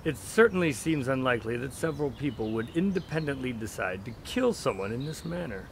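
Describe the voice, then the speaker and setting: A man playing an eager, talkative doctor who is a detective's sidekick in an audio drama, animated and keen to explain. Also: medium pitch, a little fast, slight background noise, close to an everyday voice. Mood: speculating.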